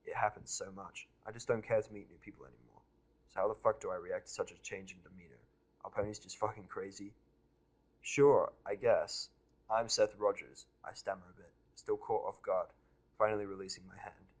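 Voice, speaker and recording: A man's voice: low-pitched, steady tone, fast talker, husky. A man in his thirties giving a casual first-person reading of fan fiction, with the odd curse word. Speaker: audiobook reader.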